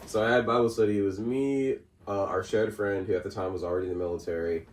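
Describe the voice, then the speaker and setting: A man with a lowish voice talks quickly in a steady tone while co-hosting a casual podcast. He rambles through a story, restarting, using many fillers and laughing a lot. The mic is distant, giving a roomy sound with faint noise.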